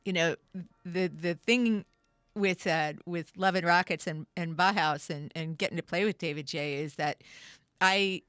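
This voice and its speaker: A middle-aged woman talks in a low, deep register. She tells her stories at length and wanders through asides, fillers and restarts. The sound is dry and close, with no room around it. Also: a little slow, a bit bright, smooth, no room sound. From Canada. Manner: rambling storyteller, lots of fillers and restarts. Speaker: guest musician and writer. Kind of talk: casual studio interview. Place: radio studio.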